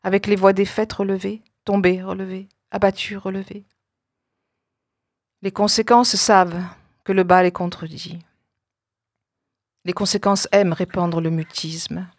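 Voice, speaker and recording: A woman giving a spoken-word poetry recitation, with a deliberate, incantatory delivery in fragmented phrases. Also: mid-range voice, level tone, dry recording, clean studio sound. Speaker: poet.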